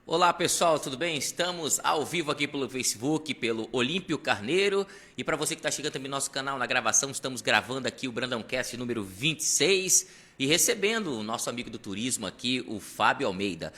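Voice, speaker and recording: A man's voice: medium pitch, animated, a little fast, pushed and bright. A man hosting a live podcast, reading sponsor lines and speaking straight to his viewers in an upbeat, promotional way. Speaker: podcast host.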